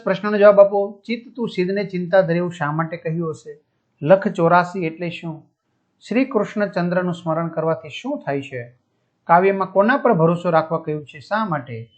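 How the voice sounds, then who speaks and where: A man teaching a school lesson, going through textbook exercises step by step and checking in with his students. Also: high-pitched. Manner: explanatory, checks with listeners. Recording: dull lo-fi sound.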